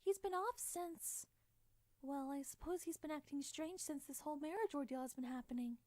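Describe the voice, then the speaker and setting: Woman as a very high, gentle pony princess. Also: normal speed, no echo, close to an everyday voice. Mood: hesitant, troubled. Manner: soft-hearted, hesitant and earnest. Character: gentle, shy, kindly young pony princess.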